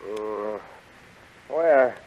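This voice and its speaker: An actor playing a dazed, grateful prince, halting and earnest, in 1930s radio serial style. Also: male voice, on the low side. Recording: muffled, hissy 1930s radio recording.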